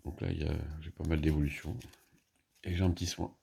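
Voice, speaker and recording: Low gravelly French-speaking man thinking aloud. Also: level tone, fast, warm tone, slight background noise. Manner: hesitant, many fillers and restarts, thinking aloud. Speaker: board game player explaining a solo playthrough. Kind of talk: casual play-by-play explanation.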